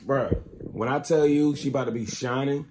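Speaking at a normal pace with a medium, slightly mellow voice, a boyfriend who runs the channel pranks his girlfriend at home, ribbing her with persistent, playful slang. There's a little background noise in this indoor vlog banter.

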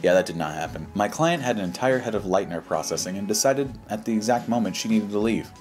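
Over background music, a reaction-show host reads posts aloud for laughs and adds casual, slangy, skeptical commentary. His voice is lowish, expressive and darkish in tone, and he talks fast.

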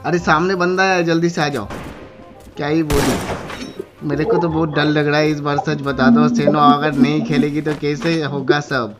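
A man's voice: fairly high pitch, little pitch movement, moderate pace. Young male streamer, flustered and joking, playful pleading, game music bed. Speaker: gaming YouTuber. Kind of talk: casual gaming chat.

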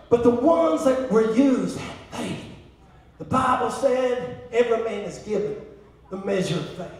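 Shouting Southern pastor in an echoey hall. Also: male voice, very high voice. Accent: Southern American. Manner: call-and-response preaching, swinging from hushed asides to shouting. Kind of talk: sermon. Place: church sanctuary. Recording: echoey church hall from far off.

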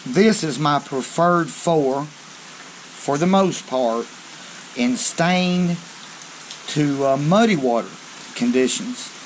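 A fishing channel host shows off tackle at a table on a covered porch or in a garage on a rainy day, talking in a slow, folksy, down-home way and saying "okay" often. His voice is fairly high, and the rough recording carries a little hiss or hum.

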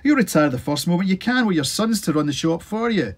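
Tall pub regular, excitable and teasing, high and loud, read by a man. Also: fairly quick, heavily acted.

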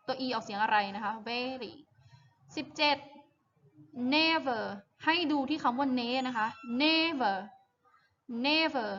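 A woman's voice: high-pitched, fairly bright tone, lo-fi sound. A woman teacher with a Thai accent giving an online phonics lesson, reading each English word twice and explaining in Thai. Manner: reads each word twice slowly for pupils to repeat. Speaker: primary school English teacher.

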